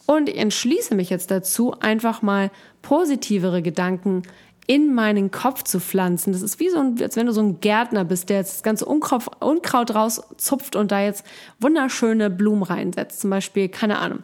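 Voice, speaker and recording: A woman's voice: mid-range voice, animated, moderate pace, a little mellow. A woman coach giving a casual motivational talk straight to the listener, encouraging and chatty, often restarting her sentences.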